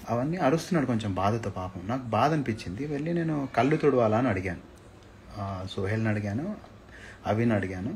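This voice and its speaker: Low-voiced man on a live stream. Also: slight background noise. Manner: switches between Telugu and English, frequent hesitations. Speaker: reality show contestant speaking to fans. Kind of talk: casual live stream monologue. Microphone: phone or webcam live stream.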